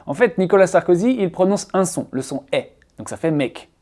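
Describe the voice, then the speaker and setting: A man from France teaching an English-pronunciation video lesson in a playful, teasing, animated way. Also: high voice, brisk.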